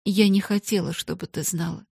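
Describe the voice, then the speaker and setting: A woman's voice: lowish voice, fairly even intonation, moderate pace, vocal fry, a little mellow, breathy edge, no room sound, studio quality. A woman voicing a proud, restrained young girl in hard times, speaking earnestly in a storybook reading. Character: proud, sharp-eared poor young girl.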